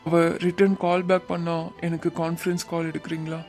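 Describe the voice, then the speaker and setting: A heartbroken young male student, voiced by a man in an animated drama. He talks high and flat, weary and pleading. Music runs underneath. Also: fairly quick, natural voice. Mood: troubled. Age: young adult. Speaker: college student. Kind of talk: cartoon voice acting.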